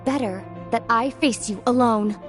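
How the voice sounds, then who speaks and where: A woman's voice: on the high side, normal speed, natural voice. A woman voicing a proud female warrior commander who speaks in a resolute, formal tone. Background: music.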